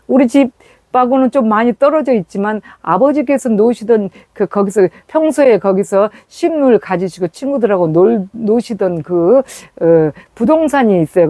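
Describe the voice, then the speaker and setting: A woman's voice: a little high, mellow, no room sound. A woman preaching a sermon through a personal story, acting out the scenes as she tells them.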